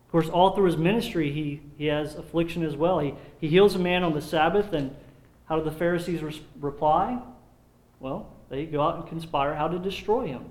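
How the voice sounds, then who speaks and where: A man preaching a sermon in an earnest, measured way, sometimes repeating words as he restarts a phrase. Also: a little high, a little mellow. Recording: echoey room.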